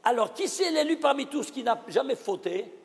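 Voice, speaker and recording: A man's voice: extremely high pitch, expressive, moderate pace, slightly rough, in a large hall. A man, a rabbi, giving a recorded lesson in an emphatic way, firing rhetorical questions at his listeners. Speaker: rabbi teaching a class.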